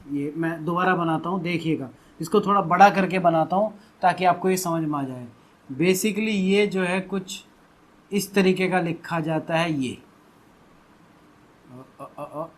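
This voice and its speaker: A young adult man teaching a Hindi lesson, explaining patiently and drawing out syllables to show pronunciation. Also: sits high. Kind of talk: classroom-style lesson explanation.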